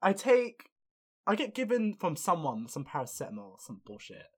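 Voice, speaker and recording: A young man hosting a podcast, telling a story in casual chat, animated and swearing freely. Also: sits high, moderate pace, husky. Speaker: podcast host.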